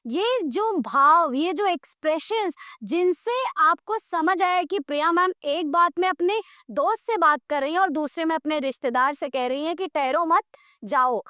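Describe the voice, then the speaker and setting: A woman teacher giving a grammar lesson, explaining slowly and mixing English words into her speech, often checking whether students follow. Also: very high voice, lively intonation, sharp tone, dry recording, clean studio sound. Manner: mixes English words into Hindi.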